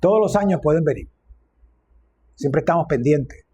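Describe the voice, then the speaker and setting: Preacher, male, reflective with light humor, mellow husky tone. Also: a little high, animated, normal speed. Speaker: minister. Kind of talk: sermon.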